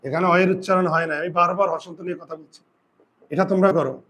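A man teaching a grammar lesson, dictating rules slowly and asking students questions that he then answers himself. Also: sits high, fairly even intonation, fairly bright tone. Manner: slow deliberate dictation of rules. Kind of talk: classroom lesson.

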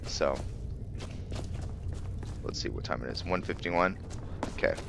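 A man with a deep voice and vocal fry speaks a little slowly, giving casual let's-play commentary as a gaming host and musing aloud through his decisions. Video game music plays behind him, along with background noise.

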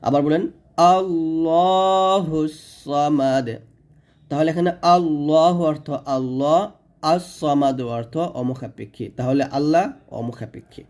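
Male recitation teacher with a Bangladeshi Bengali accent, slightly high voice, mellow tone, unhurried and drilling each sound. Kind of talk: slow spelled-out pronunciation lesson.

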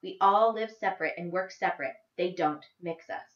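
A woman's voice: fairly low pitch, normal speed, echoey room, muffled recording, natural voice. A woman voicing an eager, friendly young girl who chats and explains, read aloud from a book.

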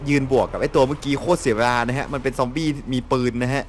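A young man with a Thai accent giving excitable gameplay commentary. He laughs often and swears mildly. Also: medium pitch, fast talker, a little hiss or hum. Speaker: gameplay streamer. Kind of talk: casual let's-play commentary.

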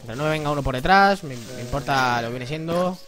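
A young gamer from Spain with a Spanish accent gives excitable, jumpy let's play commentary, talking to himself and his viewers. He has a mid-range voice and talks fast.

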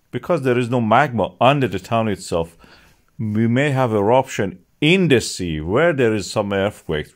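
A middle-aged man narrating a science explainer as channel host, with non-native phrasing and emphatic rises on key words. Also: lowish voice.

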